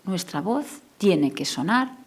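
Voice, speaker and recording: A woman speech therapist, Catalan native, giving a conference talk, moving between a soft lowered voice and emphatic bursts. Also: very animated, slow, gravelly, slightly rough. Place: lecture hall.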